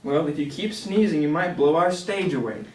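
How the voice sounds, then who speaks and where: A man's voice: fairly high pitch, animated, normal speed, lightly acted. A man voicing a playful, friendly puppet named Simon in a church puppet skit. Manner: playful, easily startled. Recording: echoey room, distant mic, faint noise.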